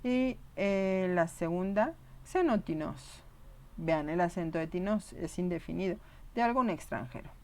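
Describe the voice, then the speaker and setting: A woman's voice: lowish voice, lively intonation, unhurried. A woman giving a recorded online lesson, explaining patiently and often checking whether her students follow. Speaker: teacher.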